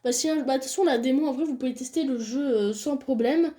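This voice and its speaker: Young woman, gaming commentary, reads game lines aloud, mellow tone, slightly high voice. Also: fast talker. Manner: reads game dialogue in a soft low voice, chats loudly and excitedly between scenes. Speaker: gaming streamer reading a visual novel aloud. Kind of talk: casual let's-play commentary.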